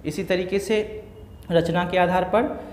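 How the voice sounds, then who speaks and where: A male school teacher with a high-pitched voice explains grammar, listing example words one by one at a slow, steady pace. He is recorded in a room with a strong echo and a long reverb tail. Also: slight background noise. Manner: slow, repeats examples one word at a time. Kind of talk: grammar lesson.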